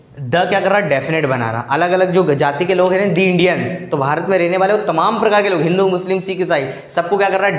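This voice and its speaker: A man teaching English grammar in a classroom lecture style, mixing English words into his Hindi and asking questions that he then answers himself. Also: high voice. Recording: echoey room.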